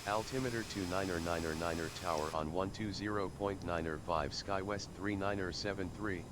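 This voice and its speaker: A man's voice: sits low, fairly even intonation, fairly quick, noisy background. A man reading back radio calls like a pilot over a cockpit headset, in clipped aviation phrasing.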